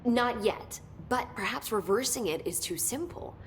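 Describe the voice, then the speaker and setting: There's faint rumbling behind this expressive, moderately paced performance, which stays close to an everyday voice. The actress portrays an eager, exacting, intense woman scientist in a video game, excitedly laying out a technical explanation in a naturalistic way.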